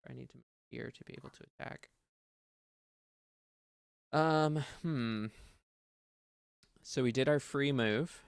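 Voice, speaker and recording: A man's voice: mid-range voice, slow pace, creaky, long pauses, clear, resonant tone, no room sound, studio quality. A man running a tabletop game as game master, hesitant and thinking aloud with many fillers.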